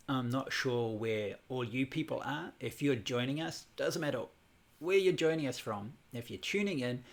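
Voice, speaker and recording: Via a computer or phone livestream, a New Zealand man in his forties gives a relaxed Buddhism class that rambles, with many fillers and restarts. His voice is medium in pitch.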